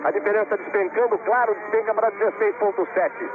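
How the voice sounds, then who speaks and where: A man's voice: high voice, steady tone, fast. A Brazilian man giving live motorsport play-by-play commentary, dramatic and repeating phrases for emphasis. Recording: tinny radio-like broadcast, engine noise behind.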